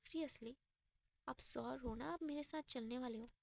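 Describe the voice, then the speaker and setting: A woman voicing a caring, teasing young woman in a storytelling romance, speaking softly and playfully. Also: high-pitched, unhurried, gravelly, slight background noise.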